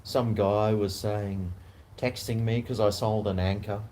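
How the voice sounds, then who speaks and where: Low-voiced man with a broad Kiwi accent. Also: fairly even intonation, unhurried, dark tone. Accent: broad New Zealand. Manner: laid-back, slangy, sweary anecdote telling. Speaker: vlogger. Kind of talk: casual rambling chat to camera. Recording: noticeable background noise.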